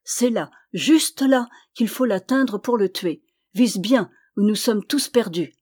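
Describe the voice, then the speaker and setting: A woman's voice: medium pitch, moderate pace, a little mellow, lightly acted. A woman doing an urgent young hero. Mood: alarmed. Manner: urgent, commanding. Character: brave young man leading his brothers.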